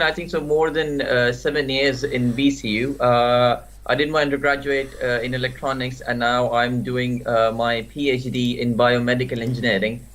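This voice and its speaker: A man introducing himself as a guest on an online panel over a video call, halting with many fillers. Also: medium pitch, a bit bright.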